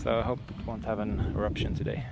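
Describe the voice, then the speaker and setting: A man's voice: lowish voice, little pitch movement, fast talker, creaky. A man hosting a sailing vlog, explaining casually and searching for words while out on a volcano hike. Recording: noisy outdoor recording.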